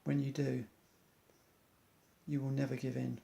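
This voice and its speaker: A man's voice: medium pitch, completely flat delivery, measured pace, gravelly, dark tone. A man, an amateur athlete, earnestly reciting an inspirational monologue in loose rhymes.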